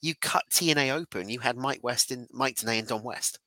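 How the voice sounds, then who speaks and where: A man co-hosting an opinionated wrestling discussion, feeling rough and unwell, pressing his points insistently by repeating phrases. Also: medium pitch, a little fast, pushed and bright, no echo. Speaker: podcast co-host.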